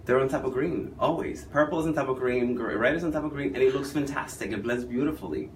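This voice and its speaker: A man's voice: mid-range voice, fast talker, slight background noise. A man working as a makeup artist, chatting through an on-camera makeup demonstration and often asking questions. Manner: animated, chatty, asks the viewer questions.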